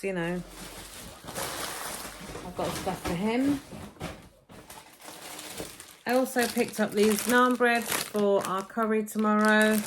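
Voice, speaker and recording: A woman's mid-range voice comes over a noisy background as she chats to her phone camera, unpacking her shopping for a casual haul vlog.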